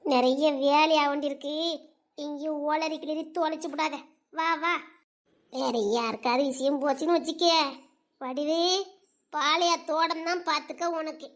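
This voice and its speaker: A young woman plays a talkative village girl, teasing her friends in a fast, chattering way. Her voice sits very high, and the drama is acted in thick local dialect. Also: fairly even intonation.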